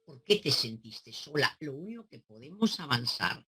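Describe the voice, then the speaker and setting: Woman therapist, animated delivery, bright, a bit husky, lots of rhetorical questions. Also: extremely low pitch, normal speed. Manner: animated, teaching through examples and rhetorical questions. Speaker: psychoanalyst. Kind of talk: explaining to a caller on a talk show.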